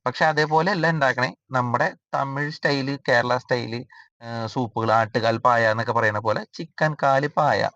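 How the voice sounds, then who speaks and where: A man's voice: mid-range voice, fairly bright tone, no room sound, highs cut off. Chatty man with a dry close sound. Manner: chatty, rambling, frequent drawn-out 'aa' fillers. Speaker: cooking vlogger. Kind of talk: casual cooking narration.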